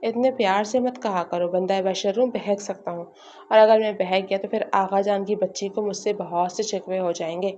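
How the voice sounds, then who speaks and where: A brash, possessive young man speaks in low, teasing murmurs, as a woman storyteller reads him. His pitch sits in an ordinary middle range. The audiobook recording sounds slightly muffled, with faint noise behind. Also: fairly even intonation, dark tone, natural voice.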